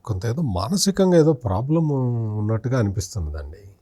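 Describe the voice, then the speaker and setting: Man, journalist guest, accusing commentary, rhetorical questions, mellow tone, dry sound. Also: lowish voice, big pitch swings, fairly quick, slightly rough, no room sound. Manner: accusing, rhetorical questions aimed at an absent politician. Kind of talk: political commentary in an interview.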